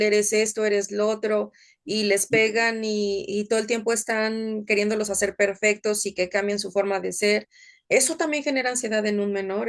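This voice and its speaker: A woman leads the conversation at an ordinary middle pitch. She thinks aloud and fills her pauses with fillers and repeated words. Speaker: interviewer, former teacher. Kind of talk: casual conversation.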